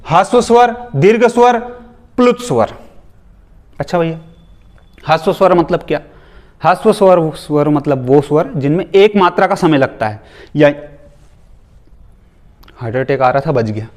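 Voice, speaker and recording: A man teaching grammar in a casual exam-prep lecture, firing rhetorical questions at students and breaking off into joking, teasing asides. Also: on the high side.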